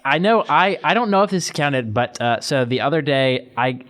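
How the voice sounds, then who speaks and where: A man's voice: medium pitch, moderate pace, a bit bright. A young man hosting a college morning radio show, chatting casually and rambling with frequent restarts. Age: young adult. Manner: rambling, lots of fillers and restarts.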